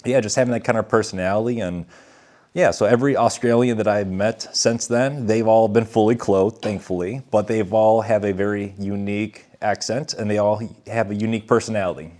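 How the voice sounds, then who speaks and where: A man with a low voice co-hosts a casual podcast chat. He wanders through a long story, beating around the bush, chuckling as he goes and swearing now and then. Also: fairly even intonation, a little fast, a little mellow. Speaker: podcast co-host.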